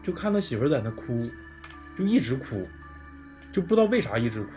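A man's voice: mid-range voice, big pitch swings, a little fast, a little mellow, faint music behind. A man with a Northeastern Chinese accent telling a true ghost story in casual podcast chat, blunt and swearing freely.

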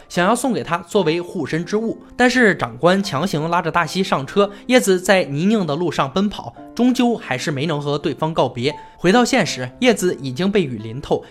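A narrator walks through a war film in scripted recap narration. The pitch swings widely and sits in a middle register. The dialogue is read dramatically in the narrator's own voice over soft background music.

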